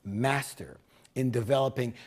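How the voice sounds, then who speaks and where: A man pitching a business course as a seminar speaker, emphatic and salesman-like, repeating key words for punch. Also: measured pace, darkish tone.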